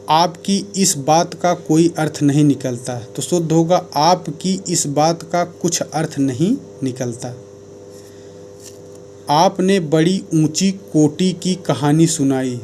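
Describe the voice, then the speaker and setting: A man's voice: a little high, mellow, slight background noise. A man giving a grammar lesson, working through sentences one by one and correcting each. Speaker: teacher.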